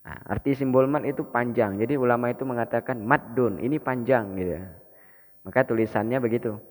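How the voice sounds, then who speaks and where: A man with an Indonesian accent teaching Quran reading, explaining rules slowly and chanting verses in a drawn-out melodic way for students to repeat. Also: medium pitch, darkish tone. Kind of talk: Quran recitation lesson. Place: mosque hall. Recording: long reverb of a mosque hall.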